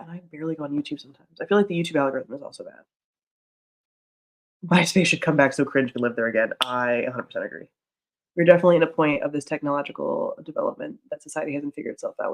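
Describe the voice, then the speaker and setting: A woman in her thirties streaming casually, rambling through chat with lots of "like"s at a desk mic. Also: deep voice. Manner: chatty and rambling, many "like"s.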